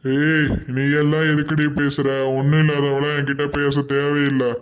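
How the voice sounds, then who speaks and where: A man's voice: fairly high pitch, monotone, moderate pace, lightly acted. A man voicing a strict, hot-tempered young husband in a Tamil cartoon, with a stern, scolding way of talking. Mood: drunk angry.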